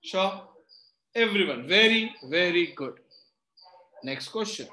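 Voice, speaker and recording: A man's voice: high voice, lively intonation, slow pace, bright, forceful tone. A man with a North Indian accent teaching an interactive lesson, mixing Hindi phrases into English and often checking that students follow. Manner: repeatedly checks understanding with short questions. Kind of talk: interactive online reasoning lesson. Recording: roomy echo on the voice.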